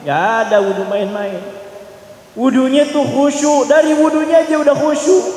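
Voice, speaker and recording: A man's voice: very high voice, normal speed, warm tone. A man preaching a sermon, earnestly addressing his listeners directly. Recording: roomy hall with long reverb.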